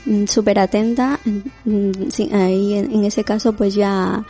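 A woman's voice: medium pitch, fairly even intonation, measured pace, warm tone, faint music behind. A Latin American woman in her forties, a domestic worker, telling her story in an interview, reflective and full of restarts. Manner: reflective, many restarts and fillers. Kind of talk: conversational interview.

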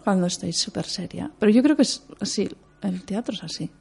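A woman's voice: medium pitch, brisk, gravelly, breathy edge. A woman opera singer and stage performer, talking expressively in an interview. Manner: expressive, animated storyteller with laughs. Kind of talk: interview conversation.

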